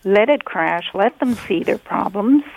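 A woman's voice: mid-range voice, expressive, measured pace, creaky. An older woman calling in to a radio show over the phone, blunt and exasperated. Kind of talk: call-in radio talk. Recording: dull phone line.

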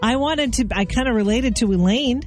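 A woman's voice: a little high, normal speed, faint music behind. Chatty woman co-hosting morning radio. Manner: chatty, laughs easily, teasing. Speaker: radio morning show co-host. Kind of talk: casual radio banter.

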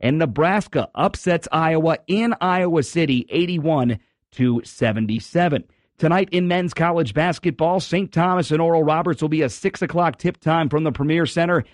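A man hosting a sports radio show in an emphatic delivery, his voice hoarse from cheering. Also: fairly high pitch, normal speed, no room sound, clean studio sound. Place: radio studio.

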